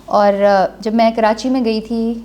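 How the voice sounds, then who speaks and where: This woman from Kashmir speaks in a notably high voice. As a talk show guest, she spins chatty, anecdotal stories in a casual, conversational flow. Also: steady tone, warm tone. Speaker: guest, former drama maker.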